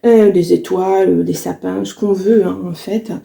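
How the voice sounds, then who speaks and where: Hoarse woman chatting through a kitchen demo. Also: lowish voice, steady tone, a little slow, mellow, echoey room. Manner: chatty, many fillers and restarts while working. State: hoarse, voice cracking. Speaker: vlogger. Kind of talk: casual cooking demonstration. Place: home kitchen.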